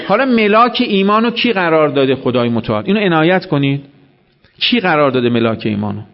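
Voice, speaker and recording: A man giving a religious sermon, telling stories and acting out the dialogue in lively voices. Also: on the high side, lo-fi sound. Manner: animated storytelling, acting out dialogue. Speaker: preacher.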